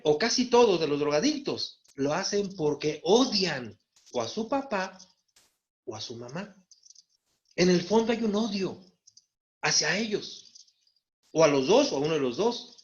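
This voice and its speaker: A man preaching a sermon, calling his listeners brothers and acting out the words of biblical figures. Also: high-pitched. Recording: dull lo-fi sound.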